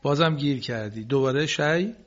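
A man teaching Quran recitation on a radio class, patiently correcting students and slowly modelling each phrase for them. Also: mid-range voice, faint music behind. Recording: dull lo-fi broadcast recording.

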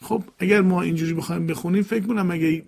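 A man co-presenting a recitation lesson, asking questions and chanting examples slowly. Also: high voice, steady tone, vocal fry, darkish tone.

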